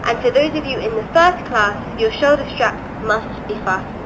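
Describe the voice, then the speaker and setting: A woman's voice: a little high, moderate pace. A woman flight attendant making a polite, procedural plane cabin announcement. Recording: noisy aircraft cabin announcement. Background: aircraft cabin noise.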